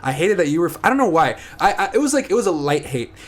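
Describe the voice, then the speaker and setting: Fast-talking animated young man. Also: a little high. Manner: animated storyteller, lots of filler words and restarts. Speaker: podcast co-host. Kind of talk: casual chat.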